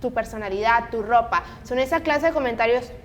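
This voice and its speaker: Speaking fairly quickly, a female podcast host shares earnest opinions in a casual talk format. Faint music sits in the background along with a noisy, low rumble.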